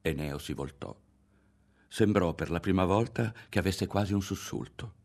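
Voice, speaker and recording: A man narrating a literary novel in a measured, expressive audiobook reading. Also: low voice. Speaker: audiobook reader.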